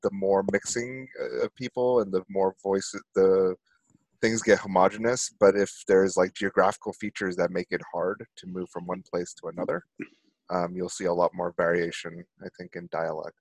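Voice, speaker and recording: An American man in casual chat, thinking aloud with fillers and pauses. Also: sits low, little pitch movement, slightly rough, dry recording, low-quality recording. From United States. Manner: thoughtful, musing with fillers.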